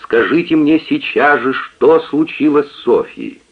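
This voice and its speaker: Guy playing a frantic young gentleman, pleading, husky, tinny radio sound. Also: lowish voice, sing-song, normal speed. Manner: urgent, pleading. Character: agitated young gentleman in love.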